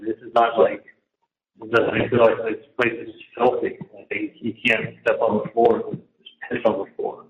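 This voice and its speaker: On a recorded prison phone line, an inmate vents in casual conversation, exasperated and repeating himself as he recounts things at length. His voice is lowish and level at a moderate pace, and the handset audio sounds dull and echoey with faint noise.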